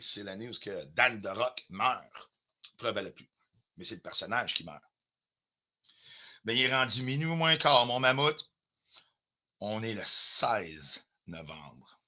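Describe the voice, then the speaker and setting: A man's voice: lowish voice, animated, a little slow, pauses often, bright, forceful tone. A man with a Quebec French accent ranting on a live stream, confrontational and heated, swearing often and dropping in English phrases. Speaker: livestreamer.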